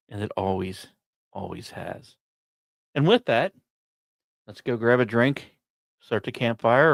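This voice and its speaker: Speaking in a lowish voice, a male podcast host delivers scripted science content with storyteller-like drama, casual asides, and intentional pauses. The recording is dry.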